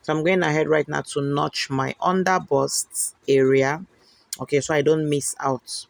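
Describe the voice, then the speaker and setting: A man's voice: on the high side, steady tone, unhurried, creaky, no echo. A man explaining how to cut and notch fabric pieces in a sewing tutorial. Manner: instructive, checks in with "okay?". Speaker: sewing instructor.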